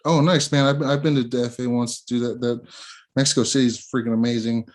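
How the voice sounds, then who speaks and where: A man's voice: mid-range voice, fairly even intonation, quick pace, darkish tone. A man hosting a casual interview, talking in a laid-back way with lots of slang fillers. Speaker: interview host.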